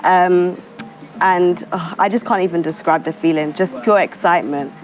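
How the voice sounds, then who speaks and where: A woman answering interview questions in a relaxed, reflective way, with many fillers. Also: lowish voice, normal speed, faint music behind, low-quality recording. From London, England. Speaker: interview guest.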